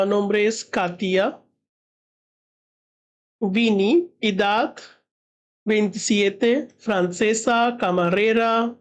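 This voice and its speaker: A woman teaching a language class, walking through a recorded dialogue with slow, halting explanations. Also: fairly high pitch, highs cut off. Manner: slow, halting explanations mixing English and Spanish.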